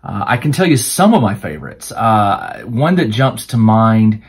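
A man's voice: on the low side, very animated, a little slow, breathy edge. A man hosting a crafting channel, answering viewer questions in a casual, rambling way, with many fillers and restarts, while his voice starts to wear out. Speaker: host of a tabletop crafting channel. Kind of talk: casual Q&A chat to camera.

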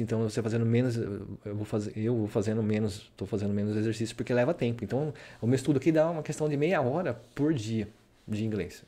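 Mellow-voiced Brazilian man rambling casually. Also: on the low side. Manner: rambling, full of "né?" tags. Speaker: vlogger. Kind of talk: casual screen-share talk.

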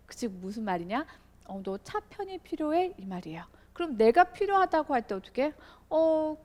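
A Korean-speaking woman teaching English in a video lesson, with frequent checking questions and slow model readings of English sentences. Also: mid-range voice, in a large hall.

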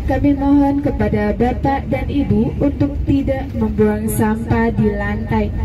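A woman giving a polite, formal scripted passenger announcement in the manner of a flight attendant, recorded inside a coach. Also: fairly high pitch. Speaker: bus flight-attendant-style stewardess. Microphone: phone in a seat, far from speaker. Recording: distant cabin speaker with music behind.

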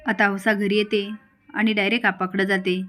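A woman recounts a TV serial episode in a casual storytelling voice. She moves briskly from scene to scene. Her pitch sits in an ordinary middle range. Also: level tone, fairly bright tone, soft background music. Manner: brisk storytelling, reads characters' lines without much acting. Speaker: TV serial recap narrator. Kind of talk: casual episode recap narration.

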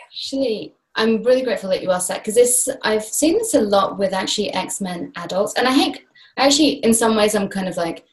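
On a laptop video call from a small room, a woman in her thirties appears as a guest speaker, relaxed and lively, waving both hands widely as she talks. Her mid-range voice moves briskly. The webcam audio is poor.

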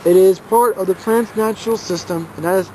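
A young man working at a plant nursery, explaining evergreen care outdoors in an unhurried, explanatory way. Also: high-pitched, darkish tone, low-quality recording. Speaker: nursery worker. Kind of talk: outdoor product demo and tips. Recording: outdoor camera audio with clear background noise.

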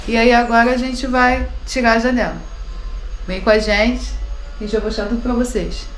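With a sore throat making her hoarse, a Brazilian woman in her thirties records a casual home vlog on her phone at arm's length in a house being renovated. Speaking at normal speed in a fairly high, fairly even voice with a Brazilian Portuguese accent, she chats and often addresses viewers amid echo and clear background noise.

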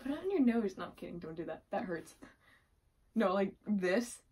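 A woman's voice: medium pitch, big pitch swings, moderate pace, darkish tone, breathy edge. A young woman chatting casually and playfully as she co-hosts a challenge vlog in a room at home. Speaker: vlog co-host playing a quiz challenge. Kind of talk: casual chat. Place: small room at home, indoors.

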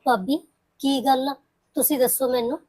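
An actress playing a caring young woman who calmly reassures and comforts. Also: high voice, moderate pace, low-quality recording. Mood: reassuring. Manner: soothing, reassuring. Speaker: young sister-in-law. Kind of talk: Punjabi web-series acting.

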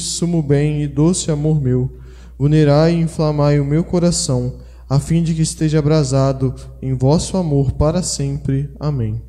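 Soft-spoken man reciting a devotional prayer. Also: on the high side. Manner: soft, quiet, steady recitation. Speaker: prayer leader at Mass. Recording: reverberant chapel sound.

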